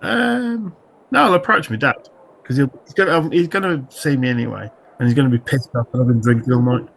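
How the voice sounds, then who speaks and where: A man, a player acting out his character in a tabletop game, excitable and a bit whiny. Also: mid-range voice, fairly quick, creaky. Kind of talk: casual in-character game play.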